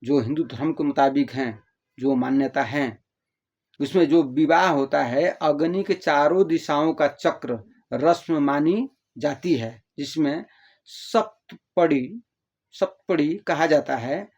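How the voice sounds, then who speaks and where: An older man explaining in a casual, rambling way, repeating himself and acting out the listeners' replies in a softer voice. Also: fairly high pitch, measured pace. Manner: addresses listeners as "babu". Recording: dull lo-fi audio.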